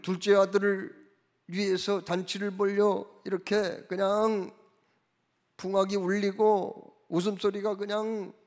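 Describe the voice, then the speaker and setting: A male pastor preaching a Sunday sermon, emphatic, with rhetorical questions and sudden swings in loudness. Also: sits high. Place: church sanctuary. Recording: reverberant church hall.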